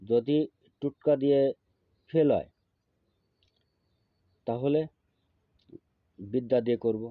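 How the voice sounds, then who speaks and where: Folk healer, male, slow drawn-out chanting, dry tinny phone-like sound. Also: dry recording. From Bangladesh. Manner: slow, drawn-out chanting, louder and higher on the mantra. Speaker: folk healer teaching spells. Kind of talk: instructional talk with chanted mantra.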